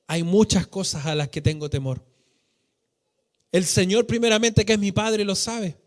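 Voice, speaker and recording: A man's voice: high voice, fairly even intonation, moderate pace. A Chilean man preaching a sermon in a church, fervent and emphatic, stretching out key phrases with sung cadences. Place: church hall.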